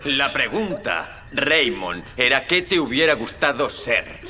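A man's voice: medium pitch, very animated, unhurried, pushed and bright, a little hiss or hum, full character voice. An actor playing a menacing, mocking man in dubbed film dialogue, taunting and commanding. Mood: mocking menace. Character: menacing, mocking man interrogating a terrified victim. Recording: music behind the film dialogue.

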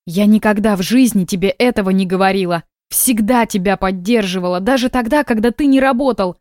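A woman's voice: medium pitch, brisk, no room sound, clean studio sound, lightly acted. Woman reading a weary, defiant young wife. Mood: indignant. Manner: weary, then sharp and indignant.

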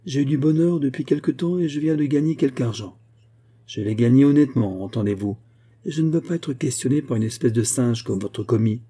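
A man voicing a bitter, ragged vagabond who speaks curtly and defiantly in a dark, husky voice. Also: mid-range voice, brisk, voice pushed up, lightly acted. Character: bitter, ragged male vagabond, hard and resolute.

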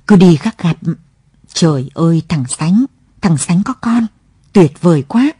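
A woman's voice: lowish voice, lively intonation, unhurried, dark tone, husky, dry recording, clean studio sound, heavily acted. A woman voicing an eager, half-blind male friend who hurries the young mother along, in a read-aloud story. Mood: urgent. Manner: urgent, coaxing.

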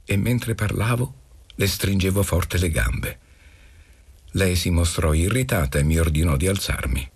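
A man reading a novel aloud in the first person, measured and expressive. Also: deep voice, slightly rough. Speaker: reader. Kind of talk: literary audiobook reading on radio.

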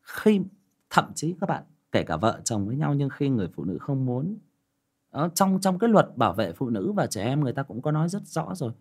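A man's voice: mid-range voice, a little fast, slightly rough. A man telling a personal story in casual talk, acting out both sides of a conversation. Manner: acts out both sides of a conversation, rising sharply when excited. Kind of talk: casual spoken storytelling to listeners.

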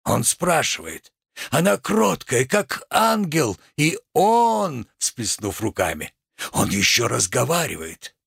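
A man plays a pompous, wrathful provincial tragedian who rants in grand, drawn-out phrases, his pitch leaping wildly. The voice is gravelly and husky, recorded dry and close. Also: wildly swooping pitch, a bit bright, no echo, exaggerated voice. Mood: grandiloquent. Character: pompous ranting provincial tragic actor, man. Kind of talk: reading a stage play aloud.

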